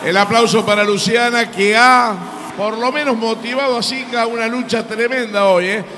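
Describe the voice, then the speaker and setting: A man with an Argentine accent giving excited, emphatic play-by-play wrestling commentary, repeating words for effect. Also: very high-pitched, normal speed, a little hiss or hum. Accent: Argentine Spanish.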